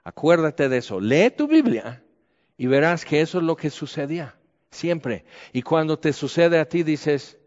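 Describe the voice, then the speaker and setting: A man with a Mexican accent preaching a conversational sermon, candid and colloquial with lively asides. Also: on the high side, a little slow. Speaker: pastor. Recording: echoey hall, dull lo-fi sound.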